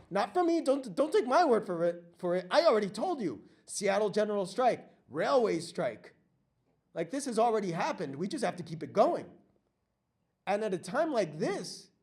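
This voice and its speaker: Speaking high and a little mellow, this man presents a passionate workshop before a live audience in a meeting room. He keeps asking questions and repeats phrases to drive his points home.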